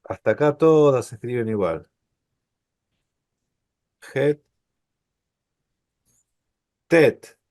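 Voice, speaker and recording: A middle-aged man teaching a live online Hebrew lesson, explaining letters slowly and patiently and often checking with "¿sí?". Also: medium pitch, animated, a little mellow, no room sound, clean studio sound.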